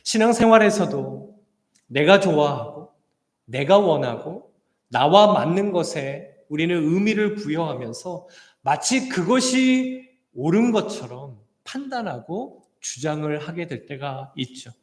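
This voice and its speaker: A man's voice: fairly high pitch, very animated, unhurried. A male pastor preaching a sermon in a church sanctuary, earnest and mixing in light jokes. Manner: earnest preaching mixed with light joke-telling. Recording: echoey church hall.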